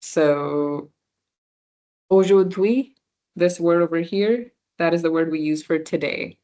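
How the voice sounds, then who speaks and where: Young woman tutor explaining french basics off slides, slow, lots of um and restarts. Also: lowish voice, warm tone. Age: young adult. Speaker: volunteer French workshop instructor. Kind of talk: slide-based beginner language lesson.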